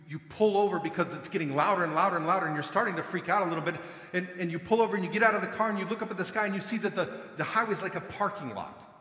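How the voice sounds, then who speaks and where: A man preaching a sermon as a guest speaker, telling a vivid story that moves between hushed and loud. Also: on the high side, slightly rough. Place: church sanctuary. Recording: long hall reverb.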